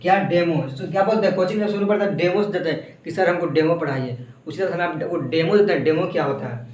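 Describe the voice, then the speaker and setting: A man with a fairly high voice delivers a chemistry lesson, walking through examples one step at a time. He keeps firing rhetorical questions at his students and answering them himself. The mic sits away from him in a roomy, echoing space. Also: quick pace, a little mellow. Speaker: chemistry teacher. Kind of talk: classroom lecture. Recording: echoey room, voice from a distance.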